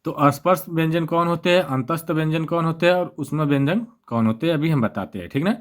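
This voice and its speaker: Guy teaching exam grammar, voice a bit on the high side, keeps asking himself questions and answering. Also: fairly quick. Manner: repetitive, asks and answers his own questions. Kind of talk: exam-prep grammar lesson.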